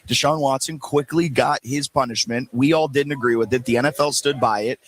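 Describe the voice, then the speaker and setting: A man hosting a sports talk radio show, chatting casually in a playful, animated way, with quick asides and jokes. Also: mid-range voice, poor audio. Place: radio show booth at a live event.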